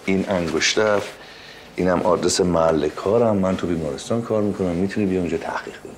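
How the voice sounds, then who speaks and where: A man's voice: low-pitched, close to an everyday voice. An actor playing a brash young male suitor who talks with bold, lecturing insistence. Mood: scornful. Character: cocky young male suitor, pushy and preachy. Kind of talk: comic screen acting. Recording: noisy background hiss.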